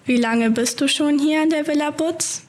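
A woman with a high voice leads a friendly interview, asking short, polite questions. Her delivery is simple and tidy. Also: moderate pace.

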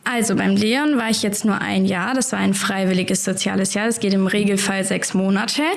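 A woman's voice: medium pitch, steady tone, normal speed, creaky. A nineteen-year-old woman and holiday program carer, giving chatty, detailed answers in a casual interview.

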